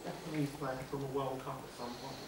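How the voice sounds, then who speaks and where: A man's voice: mid-range voice, flat delivery, a little fast. A man quipping sardonically while exploring a derelict house. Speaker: exploring companion. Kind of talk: casual banter while exploring. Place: abandoned house indoors. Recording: echoey room with loud background noise.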